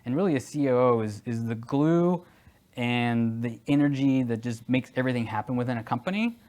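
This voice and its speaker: A man in his forties answering interview questions casually, hesitant with many fillers, and animated at times. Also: medium pitch, brisk. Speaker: guest, security executive.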